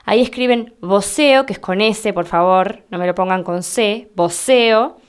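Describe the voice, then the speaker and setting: A woman with an Argentine Spanish accent giving a slow, deliberate explanatory lesson, spelling things out for her listeners. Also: medium pitch, smooth. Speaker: Spanish teacher.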